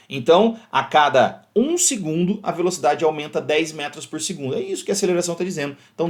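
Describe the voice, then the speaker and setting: A man with a Brazilian Portuguese accent, a physics teacher explaining exam problems in a video lesson, lively and animated, acting out little scenes. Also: medium pitch. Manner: lively, animated, acts out shouts in the example.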